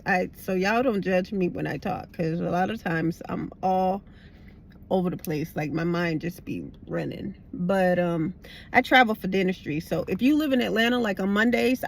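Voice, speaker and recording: A woman's voice: lowish voice, normal speed, creaky, a little hiss or hum. A middle-aged woman with a slight lisp from wearing retainers, tired and chatting candidly in a rambling, blunt, slangy way. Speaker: vlogger. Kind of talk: casual, candid chat to viewers. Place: inside a parked car.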